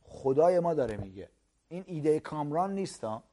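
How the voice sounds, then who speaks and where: A man preaching a sermon as pastor, loud and emphatic, stretching key words slowly for stress. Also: a little high, big pitch swings. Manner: loud, emphatic preaching with rising calls of hallelujah.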